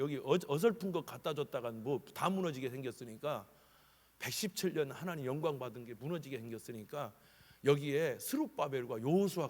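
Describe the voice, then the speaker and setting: A middle-aged man with a husky voice preaching a revival sermon in a church sanctuary, lively and animated, acting out the voices he quotes. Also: medium pitch. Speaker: guest preacher. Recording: long church hall reverb.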